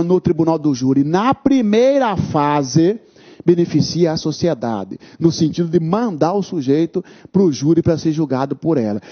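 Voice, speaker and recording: A husky, fairly high male voice, lecturing exam candidates on law. He swings his pitch around a lot, hammers home key terms by repeating them and keeps checking that the listener is following. The recording sounds dull and lo-fi. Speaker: law instructor.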